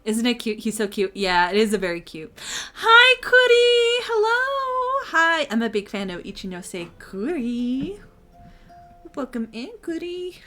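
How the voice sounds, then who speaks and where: A woman's voice: on the high side, lively intonation, moderate pace. A woman live-streaming a game with casual commentary in a cute, bubbly, giggly manner. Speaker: variety streamer and VTuber. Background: game music.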